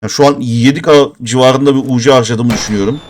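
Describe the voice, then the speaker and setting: A man's voice: mid-range voice, fairly even intonation, fast, a little hiss or hum. A man in his thirties streaming a mobile game live, talking casually and growing exasperated and cursing as he goes. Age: 30s. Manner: frustrated, exasperated, swearing in bursts.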